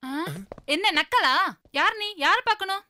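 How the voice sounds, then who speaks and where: An actress playing a sharp-tongued young sister who answers with scornful, snappy questions. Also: female voice, very high voice, lively intonation, measured pace, a little hiss or hum, full character voice. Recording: film soundtrack with loud music.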